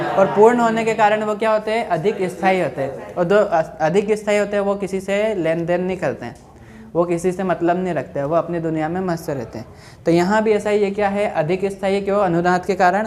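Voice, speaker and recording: A woman chemistry teacher who asks questions and answers them herself, then dictates notes slowly, repeating each phrase. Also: medium pitch, darkish tone, slight background noise.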